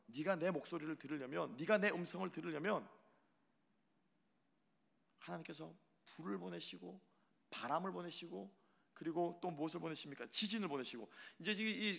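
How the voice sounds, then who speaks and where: A male pastor giving a Sunday sermon in a church. He swings between loud, impassioned preaching and hushed, near-whispered lines, and he puts rhetorical questions to the congregation. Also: fairly high pitch, creaky, long reverb tail. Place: church sanctuary.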